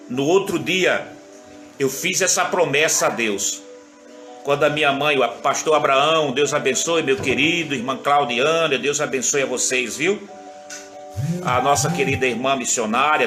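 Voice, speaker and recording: A pastor in his fifties preaches an earnest, tender sermon online, pausing to greet viewers by name. His voice sits high and bright. It rings in a reverberant room over soft background music. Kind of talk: live-streamed sermon with personal testimony.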